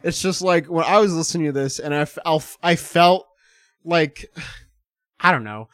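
Male podcast co-host, casual music-review chat, fairly high voice, laughs often, dry close recording. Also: moderate pace, a bit bright, no echo. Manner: laughs often, reads quotes aloud animatedly.

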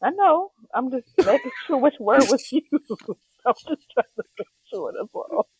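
A woman's voice: sits high, big pitch swings, normal speed, a little mellow, poor audio. A woman co-hosting a casual chat podcast, giggling and firing off teasing questions. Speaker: podcast co-host.

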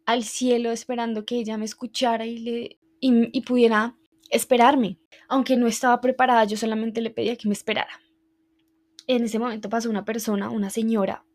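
A woman, hosting a podcast and telling a personal story in a reflective, heartfelt, halting way. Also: a little high, darkish tone. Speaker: podcast host.

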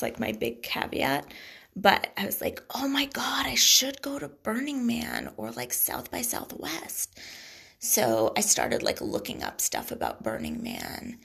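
Gravelly, breathy woman rambling casually. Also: mid-range voice, fairly bright tone. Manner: rambling and hesitant, many fillers. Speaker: podcast host. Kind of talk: casual solo podcast chat.

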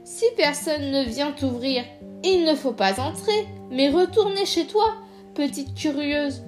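An irritated mama bear scolds in a sharp, cross tone, as a woman reading a storybook puts her on. The voice sits high. She speaks slowly and firmly. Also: faint music behind. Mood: scolding.

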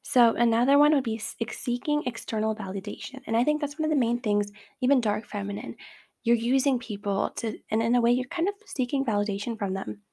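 Woman, host, casual advice talk, chatty, filler-heavy, somewhat high pitch. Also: brisk, creaky, slightly rough. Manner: acts out quoted remarks in a brighter voice.

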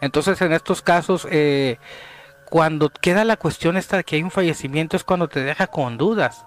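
A man with a Mexican accent telling a story in casual chat, animated and dropping to hushed tones at tense moments. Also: fairly high pitch, moderate pace, a little hiss or hum. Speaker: podcast guest telling a story.

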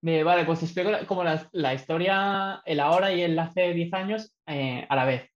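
A man's voice: on the high side, moderate pace. A man from chatting casually about a film, meandering and hedging in a laid-back way. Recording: echoey, dull lo-fi sound.

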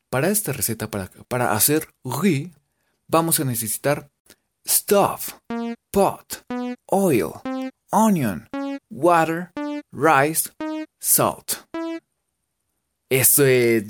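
A teacher with a Colombian Spanish accent, playfully spelling out English cooking words letter by letter and making jokes. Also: mid-range voice. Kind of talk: spelling out vocabulary in a casual lesson.

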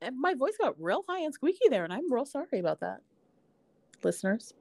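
A young woman on a podcast whose pitch swings widely as she acts out little scenes with dry humor. Her voice sits mid-range and sounds dry and close-miked. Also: big pitch swings, fairly quick, a little mellow, dry recording. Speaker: podcast co-host. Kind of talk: casual podcast chat.

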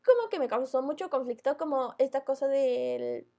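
High-voiced, mellow Mexican woman. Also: expressive, moderate pace. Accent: Mexican Spanish. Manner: blunt, heavy slang and swearing. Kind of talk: casual chat.

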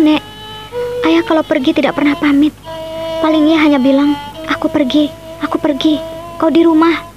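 A woman's voice: high-pitched, darkish tone, natural voice. An actress playing a sorrowful young girl in a radio drama, speaking in a plaintive, tearful voice. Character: sorrowful young girl, robber's daughter, lonely.

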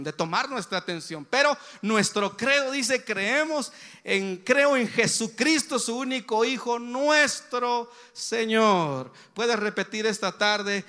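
A man's voice: high-pitched, sharp tone, long reverb tail. A man preaching a sermon in a church, often addressing the congregation as brothers and putting direct questions to them. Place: church hall.

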